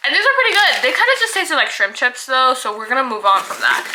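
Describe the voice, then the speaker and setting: A woman's voice: sits high, very animated, fast talker, background noise. A young woman reviewing snacks in a casual vlog, chatty and laughing often, filling her talk with "like".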